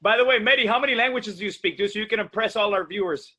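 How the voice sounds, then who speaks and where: A man's voice: high-pitched, very fast, bright, forceful tone. A man co-hosting a casual podcast, playful and teasing, calling people dude. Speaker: podcast co-host.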